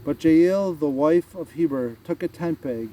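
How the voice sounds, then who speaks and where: A man hosting a vlog, reading a Bible passage aloud and chatting about it in a halting way with many fillers. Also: on the high side, dark tone, a little hiss or hum, poor audio. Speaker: vlog host. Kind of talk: casual Bible reading and chat.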